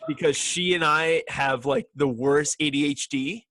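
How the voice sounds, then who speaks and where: Chill young dude hosting his podcast, kinda high voice, super dry close sound. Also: fairly even intonation, a little slow, a bit bright, dry recording. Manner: laid-back, chatty, swears, laughs often. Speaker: podcast host. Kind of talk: casual chat.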